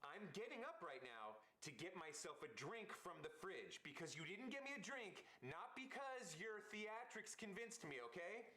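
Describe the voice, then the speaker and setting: Man as an exasperated friend, wildly swinging pitch. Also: sing-song, normal speed, hardly any pauses, bright, forceful tone, roomy sound, a little hiss or hum, full character voice. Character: exasperated, sceptical everyman friend, bewildered and irritable. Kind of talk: comedy sketch dialogue.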